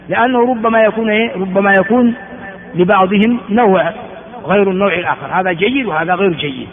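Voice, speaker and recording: A man from Ethiopia giving a classroom lecture on religious texts, repeating words and asking rhetorical questions of his students. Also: sits high. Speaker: religious teacher. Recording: phone-like sound in an echoey hall.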